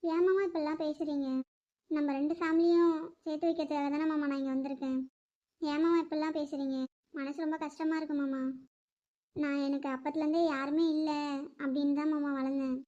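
A woman voicing a grieving young niece who pleads tearfully with her uncle in an animated drama. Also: high voice, brisk, lo-fi sound, natural voice. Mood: sorrowful.

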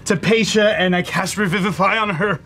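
A man's voice: sits high, a little fast, heavy background noise. A man playing a tabletop game, hurriedly stating his character's actions.

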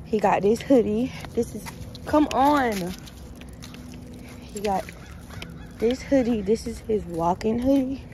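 A woman's voice: fairly high pitch, slow pace, long pauses. A young woman chatting casually in a vlog, talking to her phone camera at home and on a walk. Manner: casual, laid-back, lively outbursts while gaming. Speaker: vlogger. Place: at home and outdoors walking a dog. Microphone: phone camera at arm's length. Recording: phone audio with wind noise outdoors.

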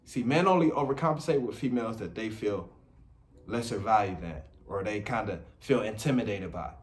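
A man's voice: on the low side, brisk. A man, giving blunt dating advice in a casual monologue full of slang and repetition. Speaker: dating commentator.

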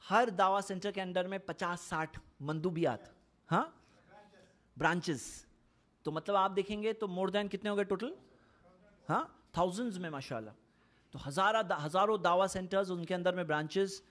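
In Saudi Arabia, an Islamic speaker from India gives an earnest, explanatory religious talk in a conversational way, repeating points for emphasis. His voice sits high and is a bit bright, at normal speed.

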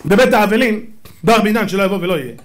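A man preaching as a rabbi in an animated sermon, swinging from loud outbursts to hushed low passages and acting out imagined dialogues. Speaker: rabbi giving a Torah lecture.

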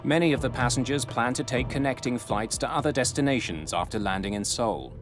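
A male documentary narrator with a mid-pitched voice reads a dramatic script. Loud music plays behind him. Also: a little fast.

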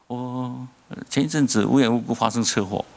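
A man with a Taiwanese Mandarin accent preaching in church, telling lively stories and firing rhetorical questions at the congregation. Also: medium pitch, normal speed, gravelly. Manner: lively storytelling preacher, asks rhetorical questions, chuckles at own jokes. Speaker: pastor. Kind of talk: sermon.

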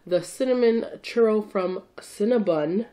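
A woman's voice: mid-range voice, a little slow, crowd noise. A woman hosting a food review show in an upbeat, chatty casual way. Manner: upbeat, chatty, talks over her co-host. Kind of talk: casual chat.

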